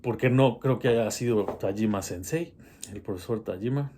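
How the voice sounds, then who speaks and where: A man's voice: on the low side, moderate pace, mellow, a little hiss or hum. A man telling a personal horror story in a casual, hesitant way, with many restarts.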